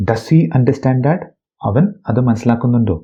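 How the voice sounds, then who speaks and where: A man from Kerala teaches a bilingual phrase lesson. He reads each sentence slowly and deliberately, then translates it. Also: mid-range voice, dark tone, breathy edge, lo-fi sound. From Kerala, India. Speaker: English teacher.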